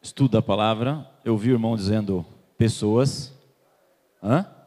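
A man from Salvador, Bahia, Brazil preaches a sermon in a church hall, putting questions to the congregation and waiting for their replies. His voice is lowish and warm, at a moderate pace, and the hall gives a long reverb.

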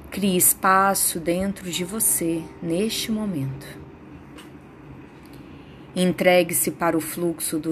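A woman guiding a meditation with affirmations in a soothing, unhurried way, leaving pauses between phrases. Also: lowish voice. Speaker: meditation guide. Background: soft background music.

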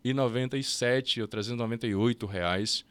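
Fast-talking Brazilian man, dry close mic. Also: mid-range voice, clear, resonant tone, no echo. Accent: Brazilian Portuguese. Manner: lively, fast storytelling with quick restarts and mimicked dialogue. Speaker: podcast guest. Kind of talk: casual storytelling interview.

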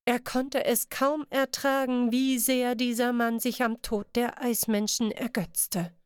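A woman reading a fantasy audiobook in a measured, expressive way, close to the microphone. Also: a little high, smooth, no echo. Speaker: audiobook narrator. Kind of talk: scripted fantasy audiobook narration.

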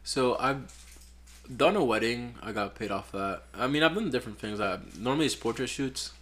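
At normal speed and in a mid-range voice, a man in his twenties from Peru talks casually as a photographer guest on a podcast. His manner is relaxed and rambling, full of "like" fillers.

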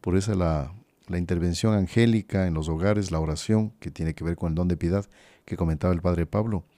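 Low, mellow priest talking reflectively. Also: male voice, brisk, dry recording. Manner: reflective, conversational, often asks "¿no?". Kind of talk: casual podcast conversation.

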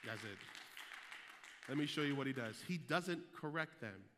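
A pastor preaching a sermon with passion, moving from hushed tones to shouts, with rhythmic repetition, interjected hallelujahs and joking asides. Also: male voice, medium pitch, expressive, normal speed, crowd noise, background noise. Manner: casual, joking asides to the congregation. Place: church sanctuary. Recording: long hall reverb.

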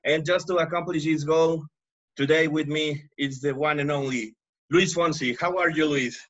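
A man's voice: on the high side, steady tone, moderate pace, a bit bright, lo-fi sound. Man hosting a casual podcast. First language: Spanish. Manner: hesitant, restarts often in English. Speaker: podcast host.

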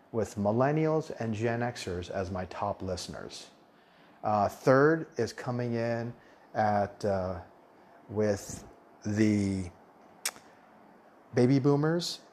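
In a casual monologue, a US podcast host in his forties talks about living abroad, often restarting and correcting himself. His voice is lowish and a little mellow, with slight background noise.

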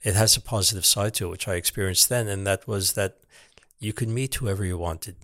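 An American sculptor, a guest on a casual podcast, talks reflectively and restarts often. His voice is fairly low, fairly quick, and fairly bright, captured in a dry, studio-quality recording.

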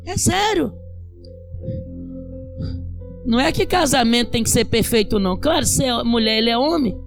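High-voiced woman pastor preaching emphatically. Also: animated, fast talker, music in the background. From Brazil. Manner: emphatic preaching with shouted peaks and humorous storytelling. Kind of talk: sermon. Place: church.

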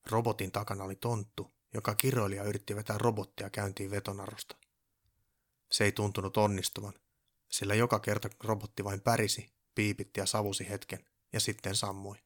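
A man calmly reading a children's story aloud as a storyteller. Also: fairly low pitch. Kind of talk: storybook narration.

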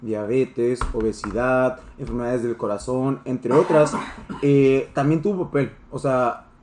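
A man's voice: mid-range voice, fairly even intonation, a little slow, darkish tone, reverberant, a little hiss or hum. A young man with a Mexican accent hosting a casual discussion, explaining things in a joking way. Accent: Mexican Spanish. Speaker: host.

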